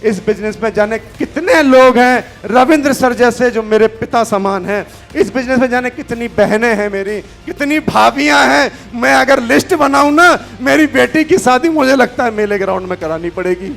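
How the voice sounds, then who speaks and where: A middle-aged man, giving a fervent stage motivational speech that swings between quiet intimate passages and loud shouts. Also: very high voice, moderate pace, vocal fry, hardly any pauses, soft background music. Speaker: motivational speaker.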